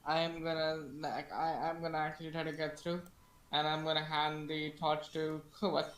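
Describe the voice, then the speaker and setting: A man playing a tabletop game, talking casually and in character in a halting, earnest way. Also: fairly high pitch, little pitch movement, fairly bright tone. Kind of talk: casual in-character play and chat. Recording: echoey room sound.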